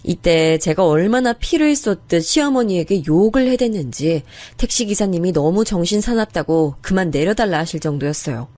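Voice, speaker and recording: Woman narrator for a first-person story, low mellow voice, dry close sound, earnest and confiding. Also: lively intonation, moderate pace, hardly any pauses, no room sound. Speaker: narrator of a true-story drama.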